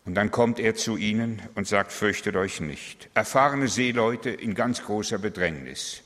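A man's voice: on the low side, moderate pace, a bit bright. A man preaching a sermon, emphatic and building on key phrases, asking his listeners direct questions. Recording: long hall reverb.

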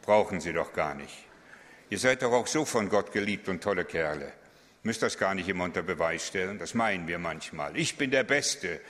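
Forceful low-voiced male preacher, reverberant hall. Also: fairly quick. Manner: emphatic, rhetorical questions with a tag "nicht?". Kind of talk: sermon.

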